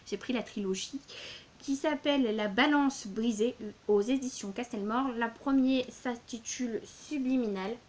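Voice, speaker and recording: A woman in her thirties, a book vlogger, shows off her purchases in a casual, gushing book haul video. Her voice is a little high and a little mellow, her pace unhurried, and she uses many fillers and repeated words.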